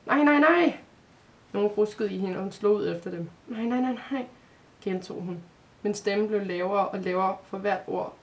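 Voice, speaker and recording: A woman reading a children's Christmas story aloud in a calm, measured way, with the odd small restart. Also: mid-range voice.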